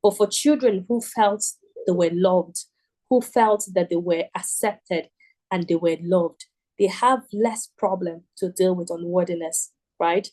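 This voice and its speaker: A woman's voice: fairly low pitch, measured pace, mellow. A woman giving a motivational teaching talk, earnest and emphatic, repeating key phrases and checking in with "right?" and "you know". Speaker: program teacher.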